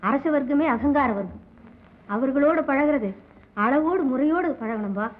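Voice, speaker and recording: A woman's voice: sits high, animated, moderate pace. An actress playing a stern, wary mother who warns her son in proverbs, in 1940s film acting. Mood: warning. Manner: admonishing, proverb-laden. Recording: dull old film soundtrack.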